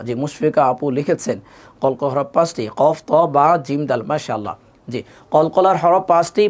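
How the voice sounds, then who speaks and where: A man with a Bangladeshi Bengali accent teaching a live online Quran recitation class. He drills letter sounds slowly and reads out student comments. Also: fairly high pitch.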